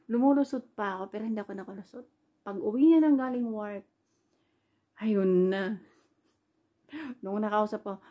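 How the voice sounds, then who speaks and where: This overseas caregiver vlogger, a Filipino woman, has a medium-pitched, warm voice with a breathy edge. She rambles through a personal story in a casual way, leaning on fillers like "ayan" and retelling quoted dialogue.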